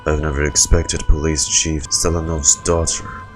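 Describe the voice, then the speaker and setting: A man voicing a cold, scheming male officer villain, speaking in a measured, menacing way with a very low voice. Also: flat delivery, over music.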